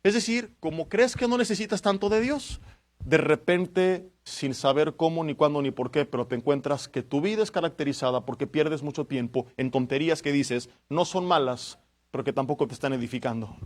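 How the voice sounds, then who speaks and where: A pastor delivers a sermon in a high-pitched voice. He moves between soft, hushed passages and loud, forceful emphasis, often turning to the listener with rhetorical questions. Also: moderate pace. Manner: passionate preaching, swinging from hushed to loud emphasis.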